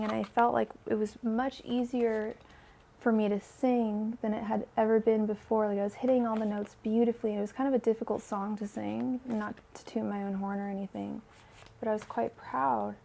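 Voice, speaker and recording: A young woman reading tarot on a livestream chats casually with viewers, greeting them by name, using lots of filler, and mentioning that her voice feels weak today. Her voice is on the high side, gravelly, and a little mellow.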